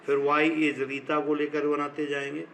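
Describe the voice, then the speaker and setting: A middle-aged man with an Indian accent, a school teacher giving an online grammar lesson in slow, dictation-like phrases, switching between English and Hindi. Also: on the high side, monotone, gravelly, fairly bright tone, a little hiss or hum, poor audio.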